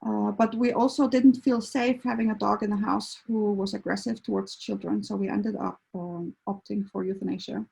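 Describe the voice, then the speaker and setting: A woman's voice: mid-range voice, fairly even intonation, moderate pace, gravelly, hardly any pauses, dark tone, slightly rough, low-quality recording. A middle-aged woman from Iceland, a veterinarian giving a hesitant, casual introductory talk full of fillers. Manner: hesitant, many fillers and restarts. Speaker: veterinarian and behavior counselor.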